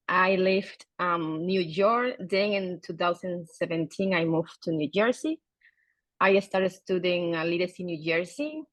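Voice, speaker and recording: A woman's voice: on the low side, no echo. A woman from the Dominican Republic answering on a panel, speaking directly and simply with some slips. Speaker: panelist, former adult learner.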